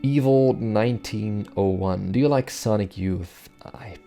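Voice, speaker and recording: Low gravelly young man, fading voice. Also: a little slow, mellow, faint music behind. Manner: dry, self-deprecating, offhand. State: losing his voice. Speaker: bass cover channel host. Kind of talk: casual Q&A answering viewer questions.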